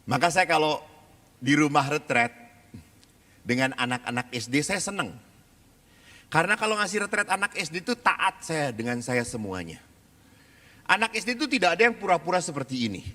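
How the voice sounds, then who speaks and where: Animated, bright-voiced male priest in a hall. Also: high-pitched. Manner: animated storyteller, acts out quoted voices. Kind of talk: lively seminar talk. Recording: reverberant hall.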